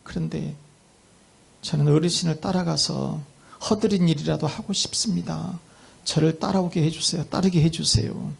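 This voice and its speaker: An earnest young slave girl, pleading and grateful, as a male pastor plays her in his own voice. The voice stays fairly high and carries a gravelly grain. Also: fairly even intonation, normal speed, heavily acted. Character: young slave girl, frightened then overjoyed.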